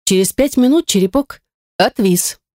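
A woman narrating a first-person fantasy audiobook in a lively, wry manner. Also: mid-range voice, moderate pace, no room sound, studio quality. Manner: lively wry storytelling with exclamations.

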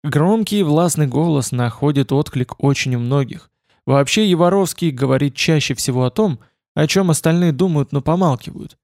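A man's voice: on the high side, animated, normal speed, a little mellow, no room sound. A man narrating a first-person audiobook in a dry, wry, sardonic manner.

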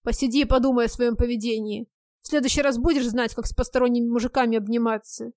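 A woman reading an audiobook, voicing an angry, jealous husband who barks orders and shouts. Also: high voice, lively intonation, measured pace, dry recording, clean studio sound. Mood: furious.

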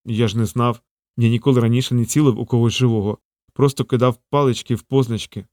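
A man's voice: medium pitch, steady tone, fast, darkish tone, dry recording, lightly acted. A man voicing an earnest, worried young man in an audiobook, in a plain, natural voice.

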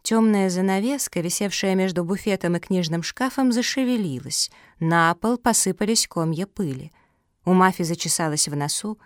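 A woman's voice: lowish voice, moderate pace, no echo, studio quality. Woman narrating a children's audiobook. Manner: expressive storytelling. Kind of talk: scripted narration of a children's book.

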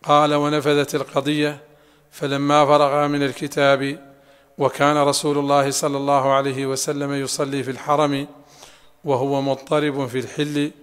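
Guy reading old text out loud, super monotone, big echoey hall. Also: medium pitch, normal speed, clear, resonant tone. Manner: flat, steady recitation. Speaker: student reading a text aloud. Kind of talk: reading a classical text aloud. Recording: long hall reverb.

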